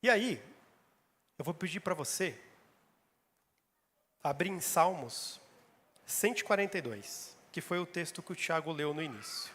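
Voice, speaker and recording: Man, high-pitched, emphatic, repetitive preaching, long hall reverb. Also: expressive, unhurried, pauses often, fairly bright tone, breathy edge. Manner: emphatic, repeats phrases for stress. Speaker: pastor. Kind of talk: sermon.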